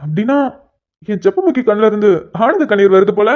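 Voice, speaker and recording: A woman voicing a shy young husband in a cartoon, speaking softly and apologetically one moment and teasing his wife the next. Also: medium pitch, sing-song, quick pace, natural voice. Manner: soft, apologetic then playfully teasing. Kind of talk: cartoon dialogue voice acting. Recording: dull lo-fi recording.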